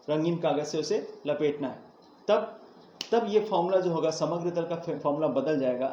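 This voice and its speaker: A male teacher with a somewhat high voice works through a math lesson step by step, putting questions to his students and answering them himself. He sounds recorded from a distance in an echoey room. The sound is dull and lo-fi with a faint hiss behind it. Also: warm tone. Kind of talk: classroom math lesson at a board.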